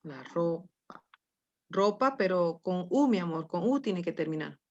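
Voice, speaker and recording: A woman's voice: on the low side, lively intonation, moderate pace, darkish tone, dull audio. A woman teacher leading a grammar lesson, coaxing her students along patiently and checking in with them often.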